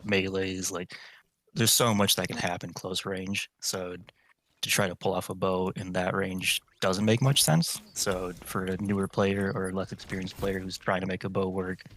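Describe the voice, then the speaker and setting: Man, very low voice, monotone, laid-back interview guest. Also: rough recording. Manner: relaxed, explanatory, many fillers. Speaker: guest, competitive game player. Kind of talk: casual interview answers.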